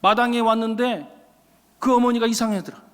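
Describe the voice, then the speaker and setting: A male pastor tells stories from the pulpit in an emphatic, folksy way, often dropping into casual speech. His voice sits high for a man. A long church-hall reverb follows every phrase. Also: steady tone, moderate pace, fairly bright tone, clear, resonant tone. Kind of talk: sermon with storytelling. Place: church sanctuary.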